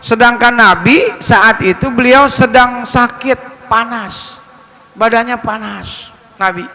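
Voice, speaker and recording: A man preaching a lively, humorous sermon, joking with and questioning his congregation. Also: extremely high pitch, slow pace, long reverb tail, poor audio.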